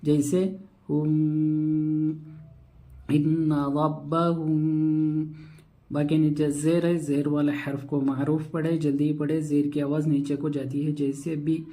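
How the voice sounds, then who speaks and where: A man teaching Quranic reading, spelling syllables out slowly and then explaining each rule in quicker plain speech. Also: fairly high pitch, little pitch movement, mellow.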